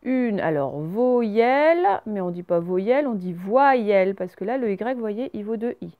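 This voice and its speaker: A woman teaching a recorded reading lesson to young children. She explains each word slowly and clearly, step by step. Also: medium pitch, lively intonation, dry recording, phone-quality sound.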